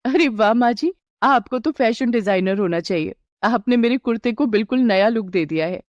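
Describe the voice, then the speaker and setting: Lady playing a bouncy young bride, always asking, high and lively, dry lo-fi cartoon audio. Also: moderate pace, no room sound, lightly acted. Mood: curious. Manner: wide-eyed, eager, questioning. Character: curious, excitable young daughter-in-law.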